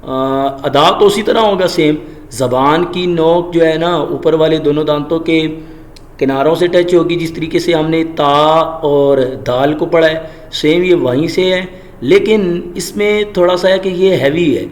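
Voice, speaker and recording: Male teacher, patient pronunciation lesson, stretched loud letter sounds, echoey room. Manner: demonstrates letter sounds slowly and loudly, then explains in a lower voice. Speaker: Quran recitation teacher.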